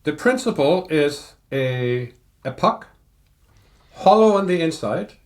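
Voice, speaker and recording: An older man in a casual podcast chat, explaining audio equipment in a measured, technical way. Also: fairly high pitch, lively intonation. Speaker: audio reviewer guest.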